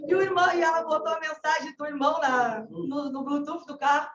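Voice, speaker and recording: A woman from southern Brazil with a Gaúcho Brazilian Portuguese accent, a missionary colporteur, gives a fervent, exclamatory religious testimony, often calling out to the Lord. Her voice sits high with a steady tone and brisk pace, amid crowd noise in an echoey, distant, dull-sounding room recording.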